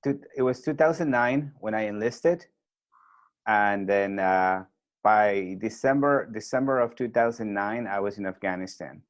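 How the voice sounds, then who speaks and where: A man's voice: on the low side, measured pace, dry recording. A friendly, talkative man in his forties with a Peruvian Spanish accent, a guest telling his story in an interview. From Peru. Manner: friendly and talkative, many fillers. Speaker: guest, army veteran.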